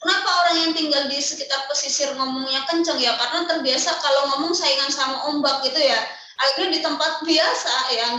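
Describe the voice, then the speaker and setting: Bright-voiced woman teaching in an echoey room. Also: sits high, recorded from a distance. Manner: explains step by step, asks and answers own questions, frequent "ya" tags. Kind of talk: online class lecture.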